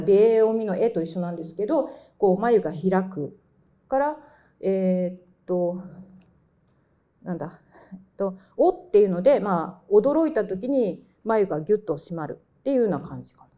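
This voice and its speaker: A middle-aged woman giving a mock university lecture to high school students, explaining step by step with many fillers and self-corrections. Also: dark tone. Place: lecture hall. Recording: dull lo-fi lecture recording.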